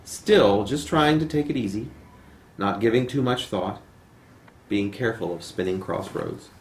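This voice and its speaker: A man with a lowish voice reads poetry a little slowly at a live reading held in a room of a home. Only the camera mic captured this amateur footage, which has an echoey quality and faint noise.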